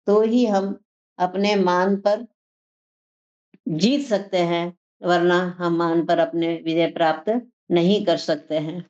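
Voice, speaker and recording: A woman's voice: mid-range voice, a little mellow. A woman teaching a religious class, giving a spiritual discourse in an earnest, repetitive teaching cadence. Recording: dull lo-fi sound.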